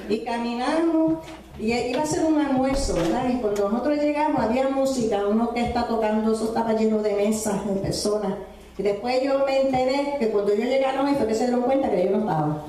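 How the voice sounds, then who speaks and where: A woman's voice: on the high side, fairly quick, mellow, a little hiss or hum. A woman preacher, telling a testimony in a sermon, full of fillers and tag questions. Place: church. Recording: echoey church from far off.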